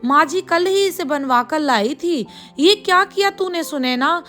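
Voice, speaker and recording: A woman voicing a spiteful, jealous young daughter-in-law in a storybook tale, speaking in a sharp, taunting way. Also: sits high, measured pace, soft background music. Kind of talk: storybook voice acting.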